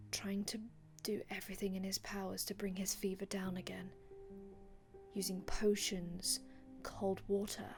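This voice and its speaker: In an ASMR roleplay, a woman plays a melancholy vampire from an older time, speaking hushed and breathy with dramatic pauses and formal, old-fashioned phrasing. Her voice is natural and medium-pitched, with music in the background.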